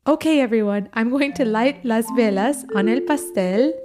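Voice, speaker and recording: A woman from Ecuador co-hosting a children's Spanish lesson, upbeat and encouraging. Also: on the high side. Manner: warm, upbeat, encouraging, slow teacher-like delivery. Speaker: co-host and Spanish teacher.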